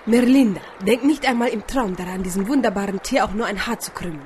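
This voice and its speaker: A woman's voice: mid-range voice, fast talker, a little mellow, slight background noise, close to an everyday voice. A woman playing an uneasy but firm, protective spellcaster in a fantasy audio drama. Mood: stern warning.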